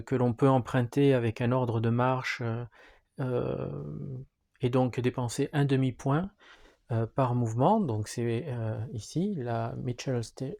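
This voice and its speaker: A man's voice: mid-range voice, creaky, warm tone. A man walking through the rules of a wargame, talking hesitantly with frequent fillers as he handles the pieces. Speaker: board game presenter.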